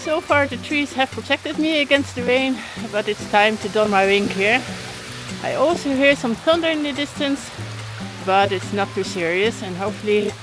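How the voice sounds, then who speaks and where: Woman hiker vlogging outdoors, slightly high voice, chatty with fillers, faint music behind. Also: lively intonation, normal speed, rough recording. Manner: chatty, frequent "uh" fillers, self-deprecating. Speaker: hiking vlogger. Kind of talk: casual vlog narration while hiking. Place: outdoors on a mountain trail in rain.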